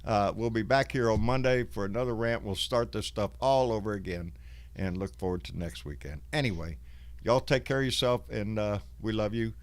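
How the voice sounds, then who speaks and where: A man's voice: on the low side, moderate pace, dry recording. A man with a Southern US accent and a folksy drawl, hosting a casual livestream chat with salty language. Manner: salty, profane. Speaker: host of a live online show.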